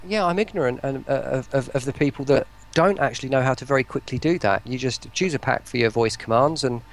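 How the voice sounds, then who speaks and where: A man who produces voice packs appears as a guest on a stream, talking casually and enthusiastically in an interview. His mid-range voice moves at a quick pace, and he rambles, often breaking into his own sentences.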